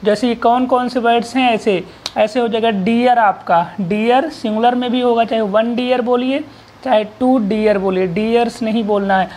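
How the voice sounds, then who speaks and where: A man's voice: extremely high pitch, fairly even intonation, normal speed, a little mellow, a little hiss or hum. A man teaching an English grammar lesson, explaining patiently and checking in often.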